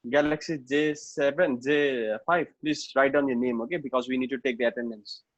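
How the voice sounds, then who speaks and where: This math teacher, a Nepali-accented man with a medium-pitched, steady voice, speaks at normal speed in a dry recording. His online lesson is informal and code-switched, full of repetition and quick check-in tags, and the class audio sounds dull and lo-fi.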